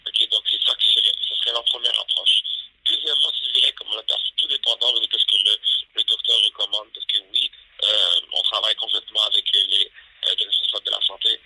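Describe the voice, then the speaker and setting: A man's voice: on the low side, fairly even intonation, a little fast, pushed and bright, slightly rough, dry recording. A man, a fitness coach answering interview questions over the phone, repeating himself and tagging lines with "right?". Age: 30s. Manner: repetitive, peppers talk with "right?". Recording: phone line.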